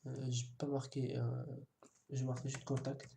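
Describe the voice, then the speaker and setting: A man with a mellow, relaxed voice talks through a coding tutorial in a loose, casual way, full of fillers and restarts. He jokes about himself now and then. Keyboard typing and mouse clicks tap under a faint hiss. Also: mid-range voice, measured pace, gravelly. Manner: jokes self-mockingly. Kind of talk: screen-recorded coding tutorial.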